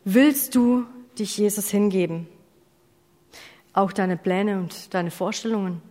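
A woman's voice: mid-range voice, takes it slowly, darkish tone. Woman giving a sermon, earnest, asks the congregation stuff, long echo off a church hall. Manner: earnest, addresses listeners directly with questions; self-correcting, apologizes for slips. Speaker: preacher.

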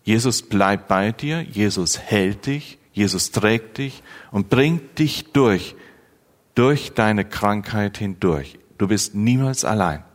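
A man preaching a sermon in a slow, earnest, pastoral manner, rising in emphasis at key phrases. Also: lowish voice, expressive. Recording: long church reverb.

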